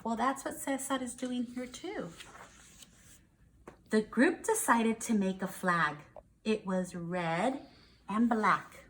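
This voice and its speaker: This American woman teaches first grade and is reading to young kids, breaking things down simply and pausing to ask them questions. She speaks slowly with long pauses, in a fairly high, slightly bright voice, and a faint hiss or hum runs underneath.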